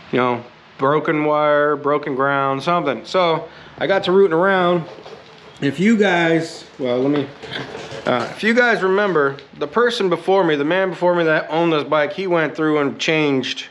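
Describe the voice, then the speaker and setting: A man who sounds under the weather, giving a casual, halting how-to vlog talk in a low-key, plain-spoken way. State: under the weather, sick with a cold. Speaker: host of a DIY motorcycle repair channel.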